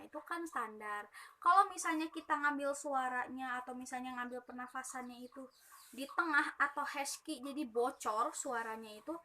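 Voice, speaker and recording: A woman's voice: high-pitched, sharp tone. A young woman giving casual, chatty tips on singing technique, with plenty of fillers. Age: young adult. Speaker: student presenter.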